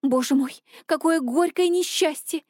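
Woman voicing a fussy little man, high, flustered, breathless, crisp dry sound. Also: measured pace, a little mellow, no room sound. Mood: flustered wailing.

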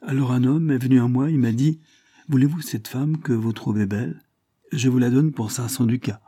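A man's voice: medium pitch, moderate pace, warm tone, husky, dry recording, studio quality, pitched above the performer's own voice, natural voice. A man reading aloud and voicing a bold, cold young man from the Calabrian mountains, with an intense, rising delivery. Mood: explaining.

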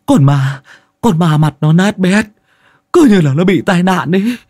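A man's voice: high voice, lively intonation, moderate pace, a bit bright, pitched above the performer's own voice. A man voicing a panicked young village husband who stammers and wails his pleas. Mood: panicked pleading.

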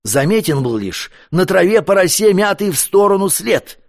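Man playing a panicky stammering butler, voice jumping high, lively. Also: normal speed, vocal fry, heavily acted. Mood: flustered. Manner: stammering, breathless reporting. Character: terrified stammering old household butler.

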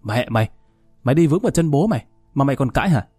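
A man voicing a fat, abusive middle-aged woman who owns a restaurant and scolds crudely and fast. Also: medium pitch, animated, darkish tone, breathy edge, dry recording, soft background music. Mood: scolding.

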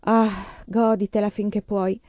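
A woman reading the part of a lively, practical teenage girl in a storybook, her voice raised and brisker than her narration. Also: medium pitch, dry recording, muffled recording, close to an everyday voice. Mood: teasing.

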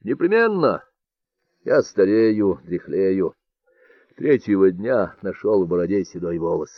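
A man's voice: low voice, very animated, a little slow, dry recording, muffled recording, exaggerated voice. A man reading an audiobook, voicing a sardonic young prince with a raised, mocking voice. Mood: wry. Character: sardonic young prince, merry yet gloomy.

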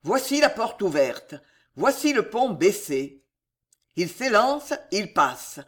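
Slow, theatrical audiobook narrator. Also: medium pitch, very animated. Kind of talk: dramatic scripted narration of a novel.

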